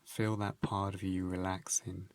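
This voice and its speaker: With a low voice and no echo, a man leads a guided meditation. His instructions are calm and gentle, unhurried, delivered in measured phrases with pauses.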